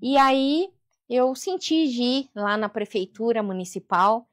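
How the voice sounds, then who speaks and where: A woman's voice: a little high, expressive, a little slow. Earnest Brazilian woman telling her story. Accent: Brazilian Portuguese. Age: adult daughter of a seventy-year-old mother. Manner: earnest, faith-driven, often tags phrases with "né". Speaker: therapist and behavioral coach, interview guest. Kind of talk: emotional personal storytelling.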